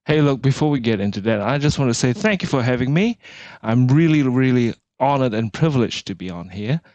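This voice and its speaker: A man's voice: medium pitch, expressive, brisk, darkish tone, dry recording, dull audio. A man, a guest speaking in an earnest, reflective way with frequent restarts. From Malaysia. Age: 40s. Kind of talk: casual interview talk.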